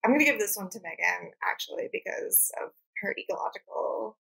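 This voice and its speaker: A woman hosting a podcast, running a playful animal trivia quiz with frequent laughter and quick asides. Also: mid-range voice, animated, gravelly, sharp tone, husky, low-quality recording. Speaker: podcast host and producer. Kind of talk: casual quiz chat.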